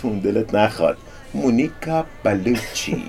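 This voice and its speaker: A man's voice: lowish voice, expressive, vocal fry, a little mellow, soft background music. A man in his thirties acting in a comedy sketch, whiny and self-pitying, going on with long complaints.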